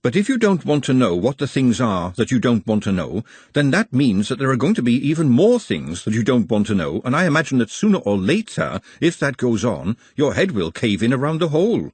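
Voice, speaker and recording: A man voicing a practical, no-nonsense young woman who talks briskly and bluntly. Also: mid-range voice, big pitch swings, darkish tone, slightly rough, dry recording, voice pushed up.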